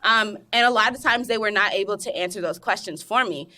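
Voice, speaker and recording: A young woman chemist, talking in a casual interview, animated and emphatic with frequent laughs and restarts. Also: mid-range voice, brisk. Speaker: guest, cosmetic chemist.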